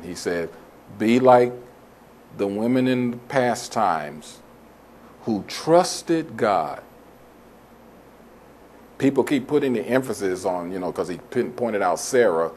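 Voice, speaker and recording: Low-voiced guy preaching, leans hard on words, drags phrases out, bit of hiss behind. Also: a little mellow. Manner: preaching with emphatic, drawn-out phrases. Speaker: pastor. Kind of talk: sermon.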